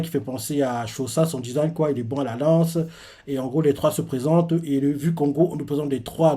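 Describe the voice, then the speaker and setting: A man's voice: medium pitch, mellow. A man casually recapping a manga chapter, rambling with constant filler words. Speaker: manga reviewer.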